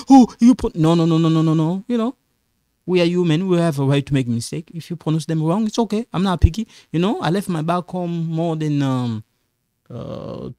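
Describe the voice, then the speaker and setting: A man's voice: a little high, dark tone, no room sound, clean studio sound. A middle-aged man teaching in a patient, repetitive way, speaking English as a with as his tongue. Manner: patient, repetitive, slow explanations, non-native English phrasing. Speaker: French teacher. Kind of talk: classroom-style language lesson.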